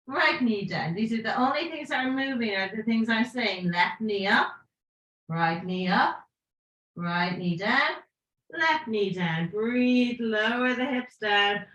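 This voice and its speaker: A woman leading a live yoga class with playful, encouraging cues and breath counts, her voice going hoarse. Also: medium pitch, a bit bright, lo-fi sound. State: losing her voice. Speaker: yoga teacher. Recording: echoey room.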